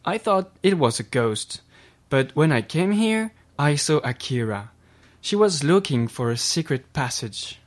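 A man voicing an earnest young boy in a slow, careful read storybook. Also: a little high, very animated, pitched above the performer's own voice.

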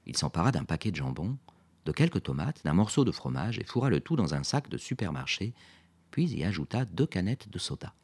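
Deep-voiced man narrating a novel. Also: fairly quick, slightly rough. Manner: calm, even storytelling. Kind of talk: audiobook reading. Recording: dry close studio sound.

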